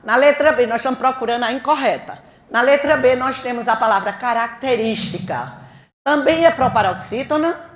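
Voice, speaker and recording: A woman with a Brazilian Portuguese accent leads a grammar lesson for exam candidates. Her voice sits a little high, and she talks quickly. She keeps throwing questions at the class and answering them herself. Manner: fast-talking, quizzes the class with questions and answers. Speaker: grammar teacher for exam prep.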